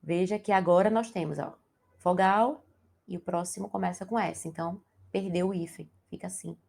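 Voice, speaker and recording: Young brazilian woman teacher, bit of a gravelly fry, walks you through grammar asking "ok? tá?". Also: on the low side, fairly even intonation, moderate pace, darkish tone. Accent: Brazilian Portuguese. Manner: explanatory, asks the class to check in with tag questions. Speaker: Portuguese teacher. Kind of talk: exam-prep grammar lesson.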